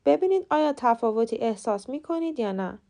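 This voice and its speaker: A woman hosting a short podcast lesson, explaining pronunciation in clear, patient steps. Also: fairly high pitch, animated, mellow. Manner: clear, patient step-by-step instruction. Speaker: podcast host teaching English pronunciation. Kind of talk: scripted lesson narration.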